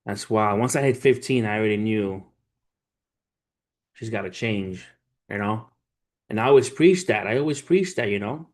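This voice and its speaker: A man in his thirties with a fairly low voice hosts a livestream at a moderate pace, leaving long pauses. He's a trader who chats informally in street slang and swearing, calling his viewers family as he tells stories and gives motivational talk.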